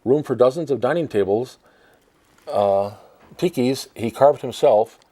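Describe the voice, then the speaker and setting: A man's voice: medium pitch, a little slow, warm tone. A man hosting a talk show, reading a profile aloud and adding chatty asides with frequent laughs. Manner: chatty, laughs between lines.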